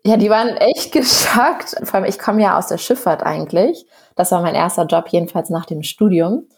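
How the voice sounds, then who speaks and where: A woman in her thirties, a founder being interviewed, talking in a relaxed, chatty way and sometimes searching for words. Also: lowish voice, moderate pace. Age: 30s. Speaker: startup founder guest. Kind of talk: casual interview.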